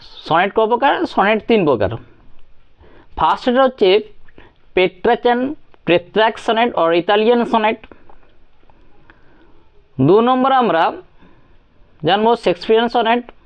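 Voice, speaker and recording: A woman teacher explaining poetry to students, speaking slowly, repeating her points and mixing in English terms, on a slightly dull recording. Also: on the high side, lively intonation. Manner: slow, repeats points, counts syllables aloud; mixes English terms into Bengali speech.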